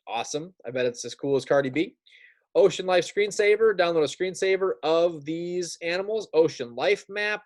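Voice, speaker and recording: A man teaching an elementary class reads aloud in an easygoing, conversational style, adding offhand remarks and regularly checking on the young listeners. His voice leans high and has a mellow quality.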